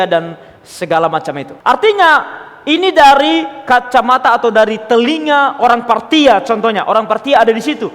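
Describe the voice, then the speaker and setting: A man preaching as a pastor, teaching from the Bible in an animated way and acting out voices of the crowd. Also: very high-pitched. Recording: long hall reverb.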